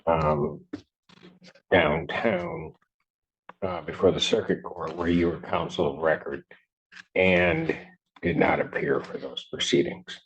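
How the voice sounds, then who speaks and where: A man presiding as judge in a courtroom recording, speaking formally and haltingly with frequent pauses and filler sounds. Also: rumbling low, steady tone, vocal fry. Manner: measured, halting, many ums. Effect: courtroom audio recording. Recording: muffled courtroom recording, faint hiss.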